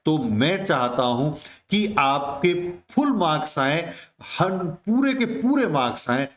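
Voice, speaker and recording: Male teacher, higher voice, unhurried, explaining step by step in an echoey room. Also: sing-song. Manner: slow, repetitive, addresses students as my dear friends. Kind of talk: explaining a poem to students.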